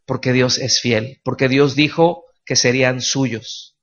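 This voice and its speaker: A man's voice: medium pitch, steady tone, slow, a bit bright. A man preaching an expository sermon. He speaks in a colloquial way, with jokey asides, and often checks that the congregation follows him. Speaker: pastor. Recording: dull lo-fi recording.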